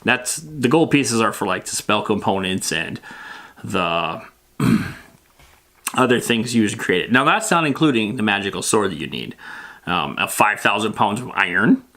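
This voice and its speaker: The host of a tabletop roleplaying lore show runs a casual, loosely improvised explainer on fantasy gaming, rambling in a plain-spoken, matter-of-fact way. His fairly low voice is animated, bright, and forceful, at normal speed.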